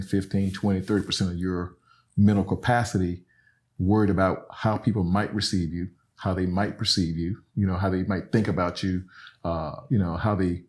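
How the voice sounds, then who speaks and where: Deep and somewhat dark in tone, this man is a middle-aged Alabama professor guesting on a podcast. He talks earnestly and reflectively, frequently tacking on "you know" and "right?"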